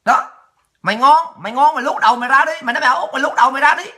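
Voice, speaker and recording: A woman hosting a political livestream rants angrily, taunting her critics with profanity. Her voice is high and sharp, and she speaks very fast in this furious monologue.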